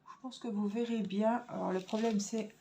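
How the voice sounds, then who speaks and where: A woman's voice: medium pitch, steady tone, moderate pace, gravelly, mellow, a little hiss or hum. A woman vlogging at home, chatting casually to viewers as she crafts, thinking aloud with fillers, recorded on a phone camera. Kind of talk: casual tutorial chat while crafting. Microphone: phone camera on a stand.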